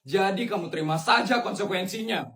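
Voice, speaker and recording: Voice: medium pitch, expressive, a little fast, a bit bright. A woman voicing a stern, wealthy male company owner who speaks coldly and formally. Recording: roomy sound from a distance.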